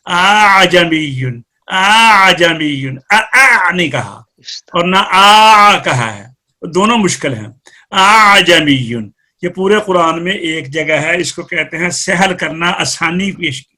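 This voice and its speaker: A man's voice: a little high, pushed and bright. A man with a Pakistani Urdu accent teaching Quran recitation rules in a live class, explaining step by step and quizzing students by name.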